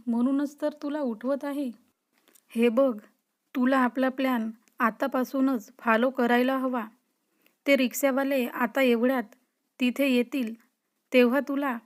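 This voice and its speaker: A woman reading the lines of an eager young man in love, coaxing his sleepy friend along in a high, fairly even voice. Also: measured pace.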